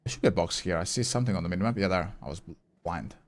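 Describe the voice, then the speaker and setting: A male game streamer with a slightly low voice talks in rapid-fire bursts. He's relaxed and chatty, answering his chat mid-play, thinking aloud, and swearing casually.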